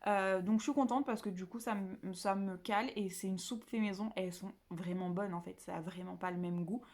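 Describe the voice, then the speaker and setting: Woman, from southern France, chatty rambling book vlogger, casual talk at home, mid-pitched voice. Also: fairly even intonation, brisk, darkish tone. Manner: chatty, rambling, many fillers and restarts. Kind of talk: casual chat to camera.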